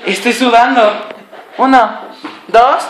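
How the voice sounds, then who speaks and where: Woman bossy young Mexican director, high voice. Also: fairly even intonation, takes it slowly. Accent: Mexican Spanish. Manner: bossy, counting off takes, giving blocking. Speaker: amateur scene director. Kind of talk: directing a rehearsal. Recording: echoey, noisy room.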